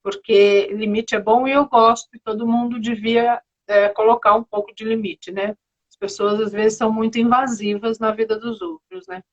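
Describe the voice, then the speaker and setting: A woman's voice: a little high, fairly even intonation, moderate pace, lo-fi sound. A woman hosting an interview, chatting and inviting her guest to explain. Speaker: host. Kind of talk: casual interview talk.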